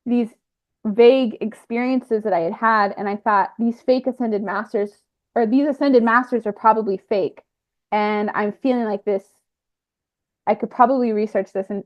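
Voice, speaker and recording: A woman talking through a personal spiritual experience in a reflective monologue, pausing and restarting often. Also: on the high side. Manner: halting, with frequent fillers and restarts. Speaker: speaker sharing a personal spiritual account. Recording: slightly muffled lo-fi recording.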